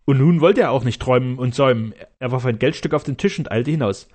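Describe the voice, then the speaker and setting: A man reads a classic adventure story aloud, steady and measured. His voice sits in an ordinary middle register, unhurried as he carries the action along. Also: medium pitch. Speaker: audiobook narrator. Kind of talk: scripted narration.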